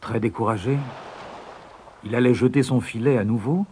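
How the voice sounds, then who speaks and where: A man's voice: medium pitch, normal speed, dark tone, a little hiss or hum. A man narrating a fairy tale in a scripted, suspense-building storybook reading.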